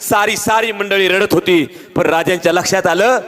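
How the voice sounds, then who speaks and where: A man's voice: sits high, moderate pace, a bit bright. A man delivering a dramatic historical story as an orator, emotional and addressing the crowd directly. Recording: long hall reverb with faint music.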